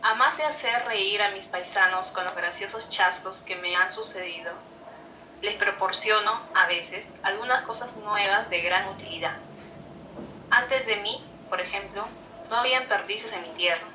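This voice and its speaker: A woman's voice: medium pitch, moderate pace. A young woman student carefully reading a text aloud in class. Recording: echoey room, distant mic, faint noise.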